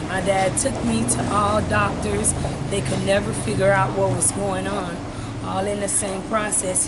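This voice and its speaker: A woman's voice: mid-range voice, very noisy. A woman from Haiti with a Haitian accent, sharing a personal testimony with her viewers in an earnest manner, often switching to Haitian Creole. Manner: earnest, addresses viewers as "you all" often. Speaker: vlogger.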